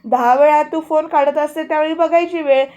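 A woman's voice: sits high, fairly even intonation, brisk, a little mellow, lightly acted. A woman narrator voicing an anxious, placating young husband in a TV serial recap.

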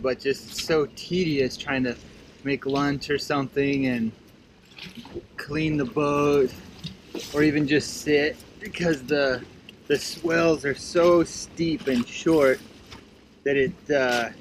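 A man's voice: mid-range voice, low-quality recording. A man chatting casually aboard a sailboat anchored in strong wind, with a weary, complaining tone. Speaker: sailing vlogger. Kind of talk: casual chat.

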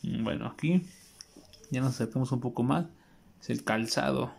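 Gravelly man sketching and muttering. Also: medium pitch, moderate pace. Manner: relaxed, muttering running commentary while sketching. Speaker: drawing teacher. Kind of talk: casual drawing tutorial narration. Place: indoors at a desk, overhead view of paper.

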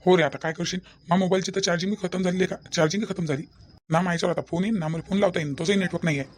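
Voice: medium pitch, steady tone, racing, slight background noise, natural voice. A voice actor playing a worried grown son in a cartoon, fretting and soothing his mother. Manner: fretting, placating. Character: anxious grown son stuck in a forest. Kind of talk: cartoon voice acting.

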